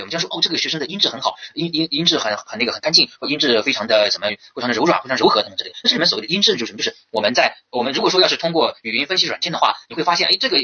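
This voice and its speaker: A man teaching as a language instructor in a recorded exam-prep lecture, lively and full of rhetorical questions. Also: a little high, breathy edge, muffled recording.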